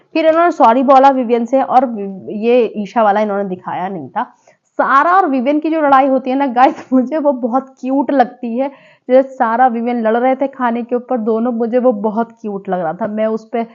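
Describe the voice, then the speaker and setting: A woman's voice: on the high side, darkish tone. Opinionated woman reviewer, lo-fi sound. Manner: opinionated, scolding asides to contestants; chatty, restarts mid-word. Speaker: TV show reviewer. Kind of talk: casual spoken review. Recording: dull lo-fi sound.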